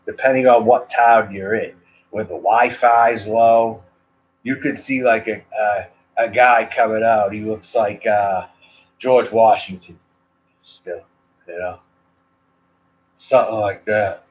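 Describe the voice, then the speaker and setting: This is a lowish, steady-toned man from Maine who talks slowly and pauses a lot while chatting loosely with livestream viewers about cigars. His Maine-accented rambling is full of "like" and "you know," and the sound is dull and lo-fi.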